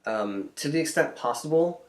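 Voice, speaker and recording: A man co-hosting a podcast, explaining points in a measured, casual way. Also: on the high side, expressive, a little mellow, reverberant. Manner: measured, explanatory, with "you know" fillers. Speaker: podcast co-host. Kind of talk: casual chat.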